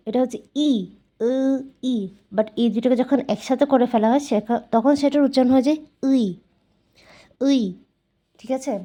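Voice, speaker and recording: Here a Bangladeshi Bengali-accented woman goes through Korean words in an informal video class, pronouncing each slowly and repeating it for drilling. Her pitch is fairly high, and her tone is dark.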